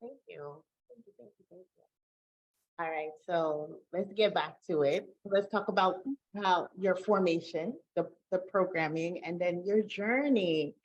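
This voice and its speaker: A woman's voice: lowish voice, a little slow, lo-fi sound. A woman hosting a podcast interview, speaking in an effusive, conversational way and laughing often. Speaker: podcast host.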